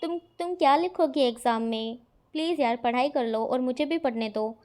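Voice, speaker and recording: Storybook figure: an annoyed teen schoolboy, pleading and soft-spoken, voiced by a woman narrator. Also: high-pitched, normal speed, close to an everyday voice. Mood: irritated. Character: fed-up studious teenage schoolboy.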